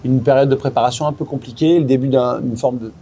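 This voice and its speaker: A man in his forties tells his stories at a quick clip, one after another. His voice is dark and mellow. Faint room ambience sits behind him in a podcast interview. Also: medium pitch, a little hiss or hum. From France. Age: 40s. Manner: animated storyteller, quick and chatty. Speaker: former Olympic swimmer, guest.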